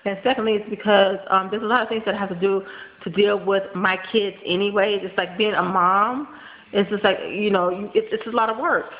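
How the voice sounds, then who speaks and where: A woman in her thirties with a nasal voice, congested from a cold and tired, talking fast in a rambling casual vlog full of ums and likes, recorded close on a webcam in a small room at home. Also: medium pitch, fairly even intonation. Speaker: vlogger. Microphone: built-in webcam mic, close. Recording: dull lo-fi webcam audio with faint hiss.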